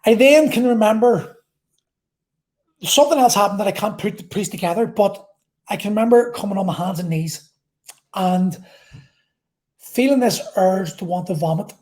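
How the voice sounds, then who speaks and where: A woman vlogger telling an intense personal story in a halting way, repeating phrases and swearing. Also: mid-range voice, a little mellow.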